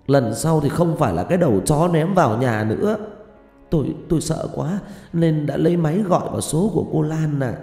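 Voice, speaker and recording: A man's voice: on the high side, warm tone, voice pushed up. A man voicing a frightened middle-aged woman who stammers tearful pleas. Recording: echoey room with long reverb and faint music.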